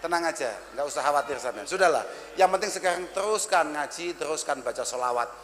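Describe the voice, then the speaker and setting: A Javanese-accented man in his thirties, from Java, Indonesia, delivers a funny sermon to a live crowd, blunt and teasing, blending Arabic recitation with jokes. His voice is fairly high, expressive, fast and a bit bright. The large event hall makes it echoey with long reverb and faint crowd noise.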